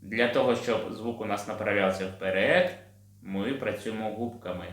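A man from Ukraine teaching a children's singing lesson on video, patient and gentle. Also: on the low side, normal speed. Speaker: choir teacher. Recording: roomy sound with piano.

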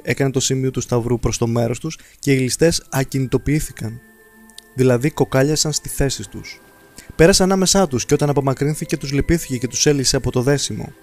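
A man reads religious stories from a book aloud, steady and earnest. His voice sits at an ordinary mid pitch. The reading stays measured and even. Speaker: narrator.

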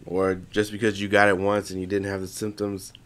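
Congested young man with a low voice. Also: completely flat delivery, brisk, clear, resonant tone. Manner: casual, swears freely, rambling with restarts. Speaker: podcast co-host. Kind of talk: casual chat.

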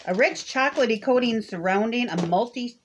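A woman's voice: on the high side, brisk, slight background noise. A woman on a living room couch, reading product blurbs aloud and adding short, dry verdicts. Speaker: snack box reviewer. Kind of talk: casual taste-test chat.

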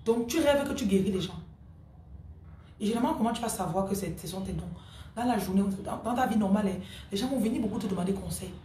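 A woman's voice: mid-range voice, fast, warm tone, reverberant, slight background noise. A woman spiritual coach giving a live-streamed spiritual teaching, emphatic and repeating her key phrases, answering viewers' comments by name.

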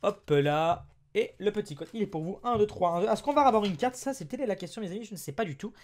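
A man with a French accent narrates his card openings in a lively, sing-song voice that swoops up and down. He chats to viewers casually, bursting into excited exclamations over good pulls. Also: sits high, quick pace. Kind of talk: casual unboxing chat.

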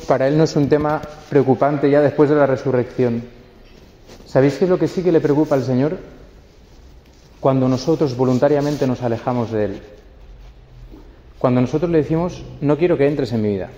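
Priest with a mellow voice in a reverberant church. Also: male voice, medium pitch, lo-fi sound. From Spain. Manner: conversational, keeps adding a tag "eh?". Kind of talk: homily at a memorial mass.

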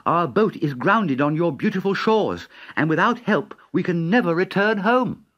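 A man's voice: sits high, expressive, normal speed, lo-fi sound, voice pushed up. A man voicing an earnest young cabin boy who speaks eagerly and politely, in a storybook reading.

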